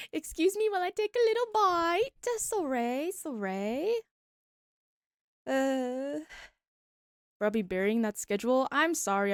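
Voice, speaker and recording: A bubbly young woman streamer chats away with her viewers in a high, lively voice that leaps up whenever she gets excited. Her voice sits close to the mic in a dry, dead room. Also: no echo. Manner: bubbly, chatty, reacts loudly to chat. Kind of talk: casual live-stream chat.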